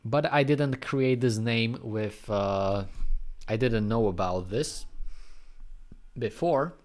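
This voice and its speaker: A man from Slovakia with a Slovak accent, chatting casually on a live stream and answering viewers' questions in a rambling, unhurried way. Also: mid-range voice, a little mellow. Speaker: graffiti artist live streamer.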